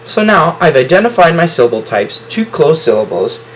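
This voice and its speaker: A man's voice: a little high, very animated, moderate pace, a little hiss or hum, poor audio. A man teaching a phonics lesson to a class, explaining syllables at the whiteboard and praising students often.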